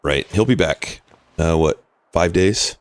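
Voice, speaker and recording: A man's voice: low-pitched, slow pace, a little hiss or hum. A man casually commentating his game on a live stream, explaining rules and answering chat.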